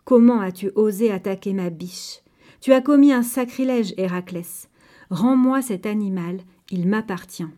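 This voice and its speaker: A woman's voice: medium pitch, unhurried, mellow, lightly acted. A woman voicing a cold, haughty goddess of the hunt who speaks in an icy, commanding tone.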